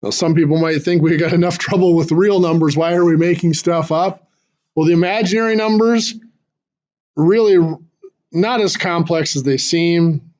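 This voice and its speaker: A male teacher leads a math class, explaining each concept one step at a time with little fillers and restarts. His high, hoarse voice has a darkish tone, and he keeps clearing his throat as it gives out. The audio is dull and lo-fi.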